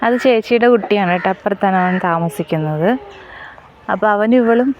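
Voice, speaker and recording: A woman's voice: medium pitch, fairly quick, lo-fi sound, a little hiss or hum. A young woman and mother chatting casually in a family vlog, coaxing and teasing small children.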